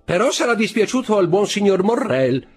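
A man reading an audiobook, voicing a coarse, nosy middle-aged neighbor who teases and pries loudly. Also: high-pitched, very animated, normal speed, breathy edge, soft background music, pitched above the performer's own voice, exaggerated voice. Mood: teasing. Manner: loud, teasing and prying.

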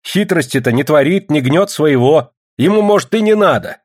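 A man reading an audiobook, voicing a fierce, outspoken woman at a gold-mining camp who shouts and scolds. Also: on the high side, lively intonation, moderate pace, voice pushed up. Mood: pleading. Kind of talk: audiobook character voice.

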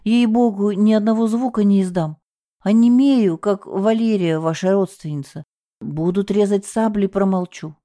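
A woman's voice: mid-range voice, measured pace, dark tone, voice pushed up, close to an everyday voice. A woman voicing a flustered, scatterbrained young female hotel receptionist who babbles and whimpers in fright. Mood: flustered, whimpering.

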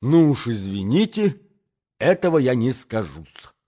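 A man voicing a hot-tempered jilted young gentleman in an audiobook, shouting indignant outbursts. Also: mid-range voice, very animated, unhurried. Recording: dull lo-fi audiobook recording.

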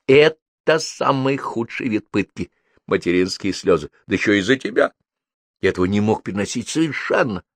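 A man narrating a first-person story as an audiobook reader, in a lively, expressive reading. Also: no echo. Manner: lively, expressive reading with wide pitch swings.

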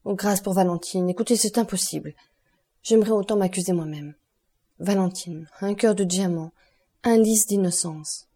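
A woman's voice: mid-range voice, moderate pace, warm tone, slightly rough. A woman reading the part of an anguished male magistrate who pleads and falters. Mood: pleading.

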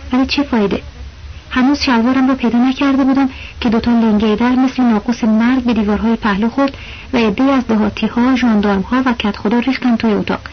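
Expressive first-person audiobook narrator with a colloquial delivery; muffled lo-fi recording. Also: mid-range voice. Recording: dull lo-fi audio.

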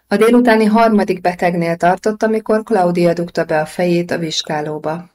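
Woman narrating a novel, low-pitched. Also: steady tone, a little mellow. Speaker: audiobook narrator.

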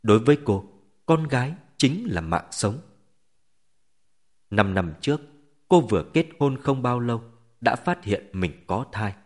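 Male audiobook narrator, mid pitch, lively expressive delivery. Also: a little slow, long pauses. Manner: expressive storytelling. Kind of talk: scripted story narration.

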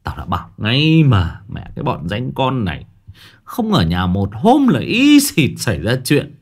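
A man voicing a gruff, irritable middle-aged uncle who scolds the children harshly in a ghost story. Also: mid-range voice, huge pitch swings, unhurried, exaggerated voice. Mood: scolding.

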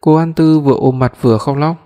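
A man narrating a romance audiobook with a steady, even reading. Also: a little high, a little fast. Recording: long hall reverb.

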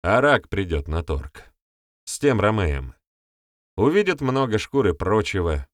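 A man's voice: lowish voice, very animated, unhurried, no room sound, studio quality. A man reading the part of a serious young man who talks in a grave, earnest way.

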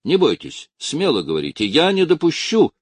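A man voicing a fussy, indignant middle-aged official who protests in a high, agitated voice. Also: wildly swooping pitch, normal speed, breathy edge, no echo, full character voice.

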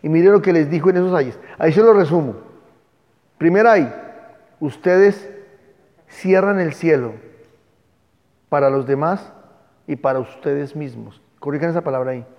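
Pitched a little high and speaking at a moderate pace with long pauses, this Bible class teacher is emphatic and stops now and then to spell words out for his students. The audio is dull, with room echo.

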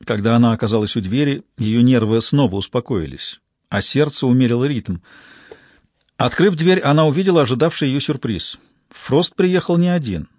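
Husky male audiobook narrator. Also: mid-range voice, animated, moderate pace, darkish tone, no room sound, studio quality.

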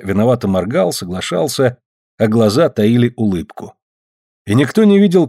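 A man narrating a story in an expressive audiobook style. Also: mid-range voice, no echo, studio quality.

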